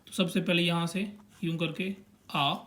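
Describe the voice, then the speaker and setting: High-voiced man teaching syllables slowly. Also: steady tone, fairly bright tone. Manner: patient, repeating sounds slowly one by one. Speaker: language teacher. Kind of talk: explaining a language lesson while pointing at a chart.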